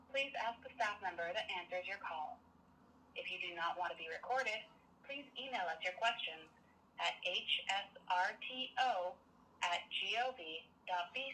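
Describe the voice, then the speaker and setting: A woman reading formal phone menu prompts as a recorded phone message, measured and even. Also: mid-range voice, a little hiss or hum, poor audio. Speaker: automated phone line announcer.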